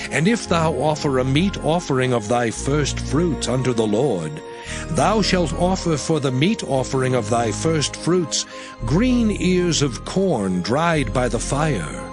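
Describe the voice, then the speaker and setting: A man with a fairly high voice reads old scripture in a dramatized Bible reading. His delivery is solemn and measured, with archaic wording, and music plays behind him.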